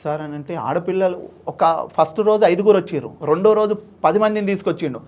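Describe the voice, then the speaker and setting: A man, telling an emotional story in an interview, animated and acting out the voices of people he quotes. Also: high voice, quick pace. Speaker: social activist guest.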